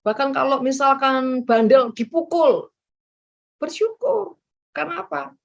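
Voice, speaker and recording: Lively woman preacher, muffled sound. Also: high-pitched, measured pace, vocal fry. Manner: lively, acts out quoted voices, addresses listeners directly. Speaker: evangelist preacher. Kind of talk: sermon. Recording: dull muffled recording.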